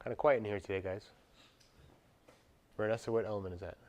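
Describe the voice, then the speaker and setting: A man's voice: fairly low pitch, steady tone, fairly quick, darkish tone. A man teaching a music class, asking the students questions and singing short parts to illustrate them. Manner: quizzes students, scats examples. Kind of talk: classroom lecture.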